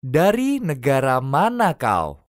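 A language teacher reads short everyday phrases for learners to repeat. Each phrase comes three times, unhurried and clearly spaced. The voice moves freely up and down, and the recording is dry and close. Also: mid-range voice, huge pitch swings, no room sound. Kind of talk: reading phrase drills.

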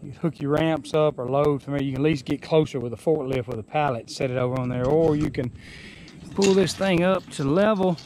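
A fairly quick, slightly high and mellow male voice belongs to a Southern-accented man in his forties from Alabama, casually demonstrating a rebuilt trailer outdoors on a farm lawn. He's folksy and rambling, often stopping mid-sentence to start again. Captured on an action camera that's held, worn or sometimes set down, the low-quality audio carries slight background noise.

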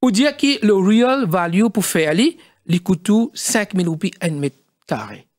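A middle-aged man with a Mauritian accent, a studio guest explaining in halting speech with many fillers and restarts. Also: high voice, sing-song, no room sound. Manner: halting, mixes French and Creole, many fillers. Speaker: studio guest, former district council president.

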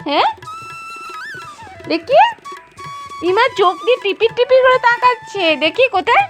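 A woman's voice: very high-pitched, expressive, normal speed, over music. Young woman cooing in baby talk.

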